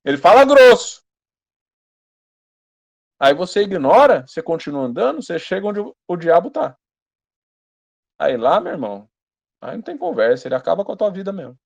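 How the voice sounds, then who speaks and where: A Brazilian man preaching a sermon, emphatic and direct, sometimes speaking hard and sometimes dropping to a low, quiet storytelling tone. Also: big pitch swings, brisk, creaky, breathy edge.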